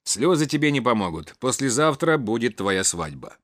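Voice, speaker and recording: A man's voice: medium pitch, sing-song, moderate pace, fairly bright tone, dry recording, studio quality. A man voicing a domineering older nobleman who speaks sternly and threateningly, in a storybook reading.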